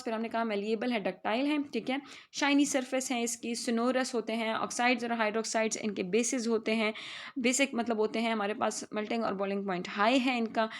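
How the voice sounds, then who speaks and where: Pakistani woman, school chemistry teacher, a bit high with a creaky edge; patient, explanatory revision delivery. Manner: explains in Hindi-Urdu, reads English definitions slowly, checks with "theek hai". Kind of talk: classroom revision lesson.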